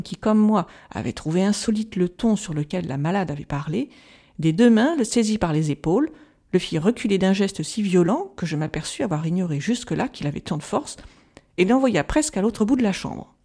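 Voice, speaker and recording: A woman reading a gothic novel aloud as an audiobook, calm and measured, softly voicing the quoted lines. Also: medium pitch. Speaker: audiobook reader. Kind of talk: scripted narration of a gothic novel.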